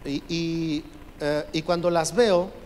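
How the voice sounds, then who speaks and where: A man's voice: on the high side, steady tone, slow pace, darkish tone. A man preaching a sermon as pastor, emphatic and urging the congregation to repeat his phrases. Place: church sanctuary. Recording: long reverb from a church hall, faint noise.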